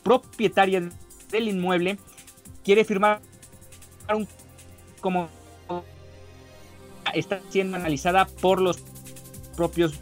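A man's voice: high voice, level tone, slow pace, long pauses, soft background music. A man reading a radio sports report over a remote line that keeps breaking up, his words clipped and skipped. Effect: breaking up on a remote line, dropping out. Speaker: sports news co-host.

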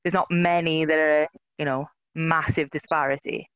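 Woman host, relaxed, jokey, dry muffled podcast sound. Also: sits low, moderate pace, no echo. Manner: relaxed, joking asides. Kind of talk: casual chat.

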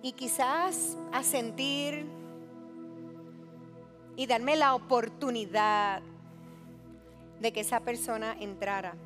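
A woman's voice: fairly high pitch, fairly even intonation, takes it slowly, pauses often. A woman pastor giving an earnest personal testimony, acting out the things people said to her. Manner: earnest, confessional, acts out quoted dialogue. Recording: music playing behind her. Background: music.

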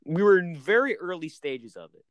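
A man's voice: high-pitched, animated, moderate pace, dry recording. A man co-hosting a casual podcast, telling spooky stories in a playful, rambling way.

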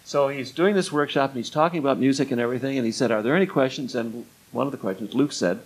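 A man's voice: mid-range voice, quick pace, slightly rough, rough recording. An older man being interviewed, telling stories in a rambling, conversational way and slipping into quoted dialogue. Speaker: interview guest, retired music club booker. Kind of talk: anecdotal storytelling in an interview.

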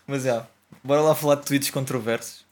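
Male podcast host, young adult, European Portuguese accent, medium-pitched, casual, slangy delivery. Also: darkish tone, a little hiss or hum. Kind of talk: casual chat, slangy and profane.

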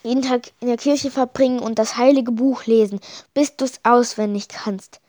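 A woman's voice: on the high side, steady tone, moderate pace, dark tone, no echo, clean studio sound, lightly acted. A woman reading aloud and voicing a stern, scolding male village priest who thunders at the congregation.

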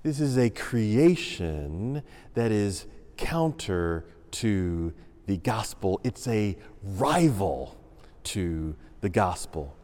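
A man preaching a sermon as senior pastor, in a measured, emphatic way. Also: mid-range voice, mellow. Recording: long reverb of a large room.

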